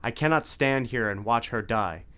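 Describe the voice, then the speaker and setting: A man's voice: medium pitch, normal speed, a bit bright, clean tone, close to an everyday voice. A man voicing a solemn, earnest male vampire hunter who speaks in firm declarations.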